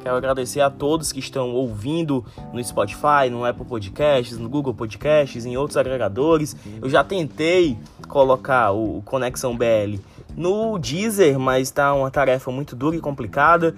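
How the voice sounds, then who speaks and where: A man's voice: mid-range voice, normal speed. A man with a northeastern Brazilian accent from Ceará and a tongue-tied lisp with slushy s sounds, hosting a casual solo football news podcast and talking directly to listeners. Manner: informal, addresses listeners directly, frequent tag questions. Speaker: sports podcast host. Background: music.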